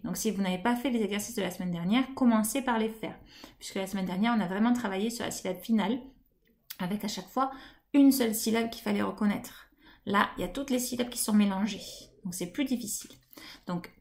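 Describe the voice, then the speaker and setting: A woman teacher with a French accent giving a recorded lesson to young children, patiently singing and stretching words to show their syllables. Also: medium pitch. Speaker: kindergarten teacher.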